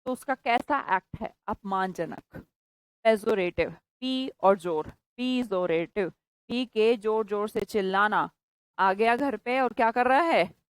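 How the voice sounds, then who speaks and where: A woman teaching English vocabulary to a class in Hindi mixed with English words, stretching key words slowly and scolding students by name. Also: medium pitch, no echo, rough recording. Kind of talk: classroom lesson.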